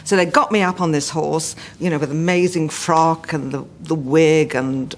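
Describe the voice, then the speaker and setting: An actress in an interview telling a self-mocking story with hesitations. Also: female voice, deep voice, steady tone, moderate pace, a little hiss or hum. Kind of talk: interview recollection.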